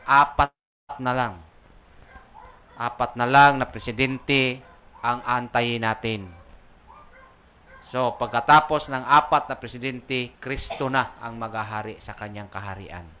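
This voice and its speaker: A man's voice: mid-range voice, fairly even intonation, unhurried, pauses often, clean tone. Man talking over a tinny line. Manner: conversational, chuckling, echoing his partner. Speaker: co-host of a religious talk program. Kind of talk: casual religious discussion. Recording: tinny phone-like sound with faint noise.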